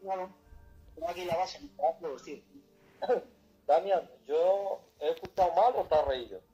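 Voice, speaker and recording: A man from jokes and swears in casual gaming voice chat. His voice sits a little high but sounds dark and mellow. His overloaded headset mic clips and distorts every word. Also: moderate pace, dull audio, faint music behind. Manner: joking, swearing, talking over others. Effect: clipping, distorted headset mic. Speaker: gamer on voice chat.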